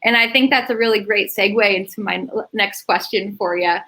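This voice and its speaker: A woman's voice: mid-range voice, fairly quick, bright, forceful tone. A woman interviewing a guest in a casual conversation, often giving short affirming replies.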